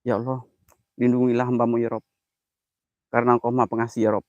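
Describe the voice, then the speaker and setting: A jittery man chats on a live stream, dropping into hushed prayers between louder asides. His voice sits at an ordinary middle pitch. The sound is dry and close, with no room echo. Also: monotone, fast, lo-fi sound. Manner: jittery, mutters prayers under his breath between loud chatter. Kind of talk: casual live-stream chat.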